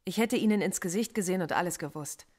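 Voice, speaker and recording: In a naturalistic radio drama, an actress plays a philosophy professor who stays cool and defiant while being interrogated, her delivery measured and dryly cutting. Her natural female voice sits fairly low and is a little mellow.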